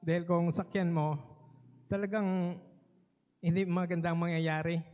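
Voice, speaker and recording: A man's voice: high-pitched, level tone, measured pace. A man closing a short personal testimony in church, speaking in a plain and earnest way. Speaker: church member giving testimony. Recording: dull echoey church hall.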